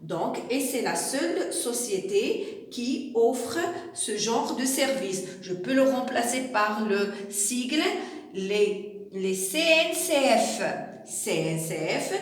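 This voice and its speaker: A woman teacher speaks slowly and carefully to her class, her fairly high voice rising and falling a lot. She keeps stopping to give examples and check that the pupils follow. The recording is echoey with a long reverb, and she sounds far from the mic. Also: lively intonation. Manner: slow, explains with examples and asks "D'accord?". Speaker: primary school teacher. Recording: echoey room, voice from away from the mic.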